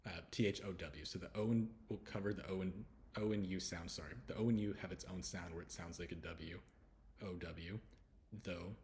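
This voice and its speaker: A man from the United States giving a relaxed English pronunciation lesson, repeating each sound slowly with chatty asides. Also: sits low. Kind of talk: slide-based pronunciation lesson.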